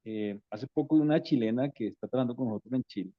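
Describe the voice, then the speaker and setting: A man, at a middle pitch, tells his story calmly and hesitates often. The recording sounds dull and very dry, with no room echo. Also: fast. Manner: relaxed, hesitant, with many fillers. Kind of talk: conversational storytelling.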